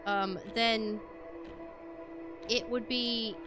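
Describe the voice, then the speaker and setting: A woman's voice: fairly high pitch, fairly even intonation, very slow. A woman streaming a game in casual chat, playful and rambling, humming and scatting to herself, with a voice she calls witchy. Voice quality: self-described witchy voice. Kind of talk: casual live-stream chat while playing. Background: background music.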